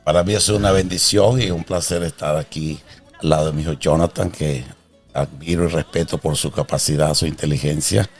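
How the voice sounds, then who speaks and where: A man in his sixties from the plains, telling of his childhood in an earnest, proud, unhurried way. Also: rumbling low, fairly even intonation, slightly rough, soft background music. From Venezuela. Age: 60s. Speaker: interview guest, father of host. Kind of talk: casual interview.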